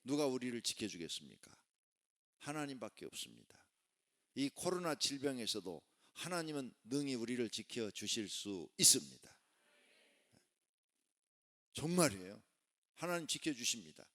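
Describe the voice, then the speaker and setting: A man's voice: medium pitch, sing-song, normal speed, pauses often, a bit bright. A male pastor preaching a sermon, emphatic and conversational, often putting rhetorical questions to the congregation. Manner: conversational asides mixed with proclamation. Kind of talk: sermon at a Friday worship service.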